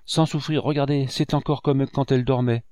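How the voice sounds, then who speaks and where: A man's voice: mid-range voice, steady tone, a little fast, dark tone, dry recording, studio quality, pitched above the performer's own voice, lightly acted. A man reading aloud, voicing an anxious, devoted old servant woman in a storybook tale. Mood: grieving.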